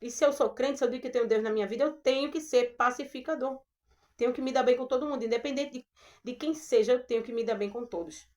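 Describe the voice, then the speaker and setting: Earnest Brazilian woman preaching gently. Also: sits high, quick pace. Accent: Brazilian Portuguese. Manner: gentle, earnest, addresses listeners as sisters. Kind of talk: devotional Bible talk.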